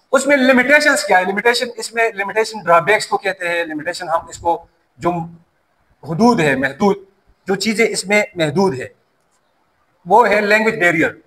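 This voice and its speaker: This high-pitched, expressive man speaks at a moderate pace with a slightly bright tone, though the audio is poor. A safety course instructor and first-language Pashto speaker from Pakistan's Pashto-speaking region, he lectures in a classroom, asking questions and then answering them himself.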